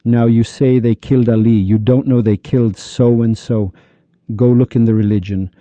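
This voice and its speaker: A man's voice: medium pitch, fairly even intonation, no room sound. An upset man from Iran delivers a heated religious monologue, scolding and hurling rhetorical questions. The audio is dry and muffled, like a lo-fi recording. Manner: scolding, insulting, rapid-fire rhetorical questions. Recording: dull lo-fi recording.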